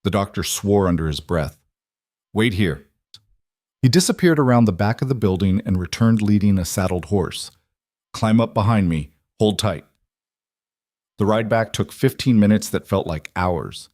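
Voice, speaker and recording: Low-voiced male story narrator. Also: darkish tone, dry recording, clean studio sound.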